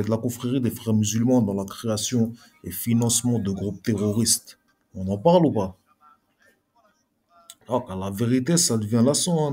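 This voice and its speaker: A man's voice: lowish voice, mellow, husky. A man giving an argumentative reply monologue to a video blogger, speaking combatively and straight at his critic. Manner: combative, addresses critic directly.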